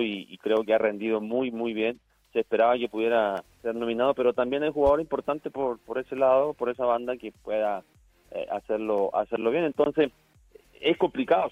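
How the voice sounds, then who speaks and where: A middle-aged man, a football coach, talks over a thin phone line that cuts the lows and highs. He hesitates often and repeats small words before going on. The sound is dry, with no room in it. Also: no room sound. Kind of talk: phone interview. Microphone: phone call.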